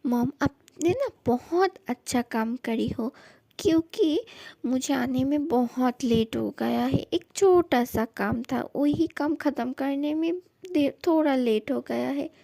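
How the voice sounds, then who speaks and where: Woman playing a young son, pleading, repetitive, unhurried pace, dry recording. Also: high voice, gravelly, mellow, dry recording, full character voice. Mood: coaxing. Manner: pleading, repeats words for emphasis. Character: devoted young adult son, pleading and affectionate. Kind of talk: fan dub audio drama.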